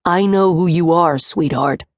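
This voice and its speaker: A woman narrator voicing a gruff, possessive young man who growls his lines low and menacing, in an audiobook. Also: a little slow, dry recording, clean studio sound, lightly acted.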